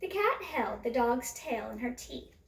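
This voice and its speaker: A woman reading a classic fairytale aloud in a lively sing-song way, then chatting warmly to children. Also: fairly high pitch, a little slow, creaky. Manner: animated, sing-song storybook delivery; chatty, addresses children directly. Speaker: storyteller. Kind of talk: reading a picture book aloud. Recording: roomy echo, a distance from the mic.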